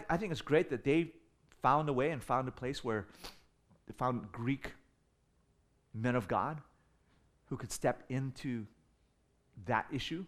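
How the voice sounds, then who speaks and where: A middle-aged man from the United States preaching a sermon, telling stories with humor and building in intensity. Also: medium pitch. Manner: animated storytelling with humor, rising in volume for emphasis. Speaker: pastor.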